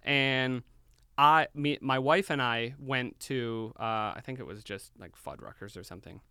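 A young man telling a story in casual chat, animated and swearing freely. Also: medium pitch, unhurried, smooth, dry recording, studio quality. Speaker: podcast guest.

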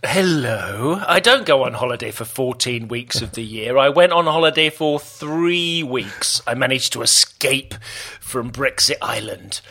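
A man on a podcast, joking dryly with pauses and fillers. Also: medium pitch, animated, vocal fry, pushed and bright. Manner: dry, jokey, hesitant. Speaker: podcast co-host. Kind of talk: casual chat.

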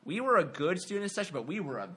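A young man in casual chat, playful and animated, often laughing as he talks. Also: high voice, fast, breathy edge. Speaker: podcast co-host.

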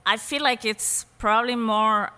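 Slow, bright-voiced Spanish-accented woman. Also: on the high side, big-room sound. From Spain. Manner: unhurried, thoughtful, laughs easily. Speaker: cheesemaker guest. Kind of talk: casual interview conversation.

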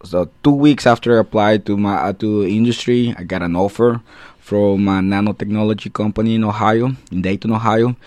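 Heard in a dry recording with no echo or room around it, a deep-voiced Guatemalan assistant professor in his thirties answers radio interview questions. His English is plain and his tone steady and a little mellow. Though fairly quick, he hesitates often and uses many filler sounds.

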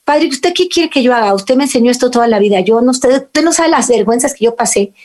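A woman's voice: a little high, animated, fast, darkish tone. A woman voicing a resentful young adult son who talks back to his father. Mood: defiant. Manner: defiant, accusing.

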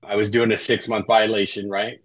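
Here the same kind of guest, a Southern Californian life coach in middle age, talks with a fairly low, level voice that's a touch bright and a little quick. His interview storytelling is casual and peppered with tag questions like "right?", captured in flat, slightly lo-fi audio with no echo.

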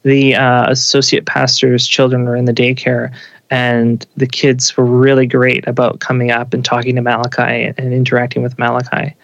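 A man's voice: medium pitch, completely flat delivery, moderate pace, creaky, no room sound, muffled recording. A man in his thirties, a father answering interview questions in an earnest, reflective way with frequent restarts. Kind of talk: conversational interview.

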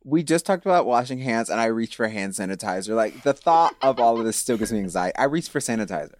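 A woman co-hosting a podcast in casual chat, telling stories with animated laughter. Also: rumbling low, fast talker. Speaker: podcast co-host.

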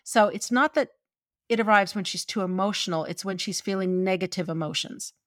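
A woman from gives conversational opinion commentary on film, expressive and opinionated, with wry asides. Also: mid-range voice, fairly quick, dry recording, clean studio sound. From Newfoundland, Canada.

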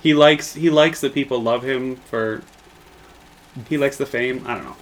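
A man's voice: medium pitch, moderate pace, poor audio. A man in casual chat, talking in an easygoing way with frequent ums. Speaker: podcast co-host.

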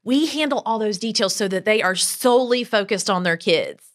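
A woman's voice: mid-range voice, lively intonation, normal speed. Chatty, emphatic woman with a mid-range voice. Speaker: podcast guest, travel business owner. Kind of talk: conversational interview storytelling.

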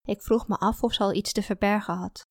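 A woman's voice: mid-range voice, steady tone, a little fast, a little mellow, no echo, clean studio sound. A woman reading a first-person story aloud in a confiding, introspective manner. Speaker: audiobook narrator. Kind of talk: first-person scripted narration.

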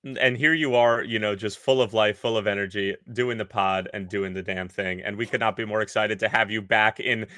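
A man co-hosting a casual sports podcast, recording from inside a clothes closet at home and breaking down the news with quick energy. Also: lowish voice, steady tone, fairly bright tone, no echo. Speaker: podcast co-host. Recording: dry, deadened closet sound.

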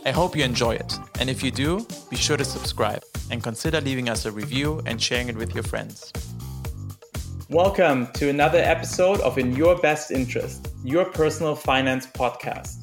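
A man's voice: medium pitch, moderate pace, creaky, music in the background. A man hosting a personal finance podcast, interviewing a guest with frequent ums and uhs. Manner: hesitant, many fillers. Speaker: podcast host.

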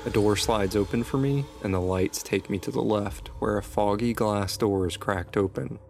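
A man narrating a first-person scripted horror story in a steady, suspenseful way. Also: lowish voice, moderate pace, vocal fry, slight background noise. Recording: music bed behind narration.

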